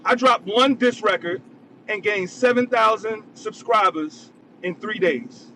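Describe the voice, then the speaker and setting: A man's voice: high voice, unhurried, sharp tone. A man calling in from his car, talking over a phone line, who argues insistently and repeats himself to keep the floor. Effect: phone call from a moving car. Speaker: call-in guest. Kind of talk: heated podcast debate. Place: driving in a car. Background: vehicle noise.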